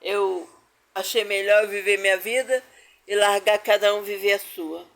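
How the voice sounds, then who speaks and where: Slow, emphatic older Brazilian woman. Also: medium pitch, fairly even intonation, fairly bright tone. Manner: emphatic, repeats phrases for weight. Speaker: woman telling her family story. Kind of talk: personal spoken testimony.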